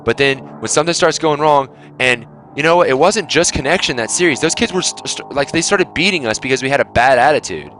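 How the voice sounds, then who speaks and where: A man's voice: a little high, brisk, hardly any pauses, fairly bright tone, faint music behind. A young man giving his gaming team a blunt, lecturing talk on their attitude, swearing freely. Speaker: team captain.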